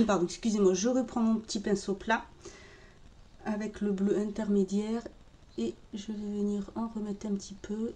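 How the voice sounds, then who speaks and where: Woman makeup vlogger, calm step-by-step tutorial voice, mellow tone, mid pitch. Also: unhurried, pauses often. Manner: calm, step-by-step, talking while working. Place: home room with birdsong outside.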